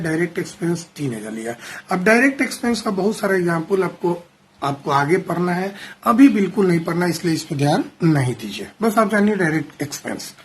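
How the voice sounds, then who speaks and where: Husky-voiced male teacher explaining step by step. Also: high voice, fairly bright tone. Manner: explains step by step, checks often with a rising "okay?"; reads definitions out slowly and deliberately. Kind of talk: classroom lecture on accounting.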